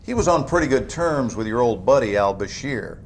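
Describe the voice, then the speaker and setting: An actor playing a cold, controlled government agent interrogator, measured, stern and dryly sardonic, in a video game. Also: male voice, mid-range voice, animated, slight background noise, lightly acted. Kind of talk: dramatic video game acting.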